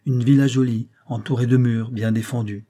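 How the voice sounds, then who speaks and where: A faithful informant gives an urgent report to his detective chief, voiced by a man narrating. The tone is confiding and eager, with a husky, mellow grain. It suits a vintage crime story. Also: medium pitch, fairly even intonation, normal speed, lightly acted. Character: loyal male police informant reporting.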